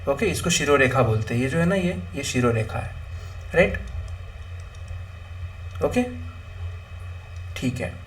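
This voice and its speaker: A man's voice: medium pitch, animated, measured pace, pauses often, a little hiss or hum. A young man teaching an exam-prep Hindi grammar lesson, asking and answering his own questions and mixing English words into Hindi.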